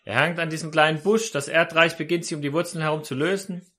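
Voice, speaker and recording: A man's voice: fairly high pitch, steady tone, fast talker, sharp tone. A man preaching a sermon, telling a story and speaking directly to his listeners.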